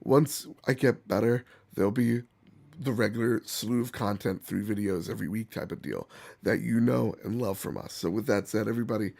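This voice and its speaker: Guy doing a gaming opinion vid, really croaky and hoarse, blunt and emphatic. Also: on the low side, normal speed, darkish tone. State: hoarse from bronchitis. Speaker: gaming channel host. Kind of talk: opinion commentary to camera or viewers.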